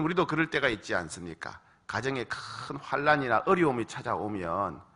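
A man's voice: mid-range voice, creaky, pushed and bright, breathy edge. A male pastor preaching a sermon, acting out quoted voices and asking the congregation questions.

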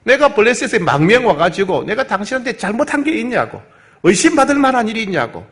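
A male preacher playing an indignant young warrior who loudly protests being sent away. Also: very animated, fast talker, heavily acted. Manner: loud, high-pitched protesting outburst.

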